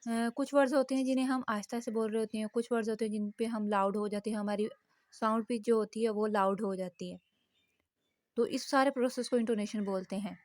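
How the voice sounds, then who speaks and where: Slightly high-voiced woman teaching linguistics. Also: steady tone, darkish tone, dry recording. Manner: patient, repeats each point in Hindi and English; reads English example sentences slowly. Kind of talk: explanatory linguistics lesson.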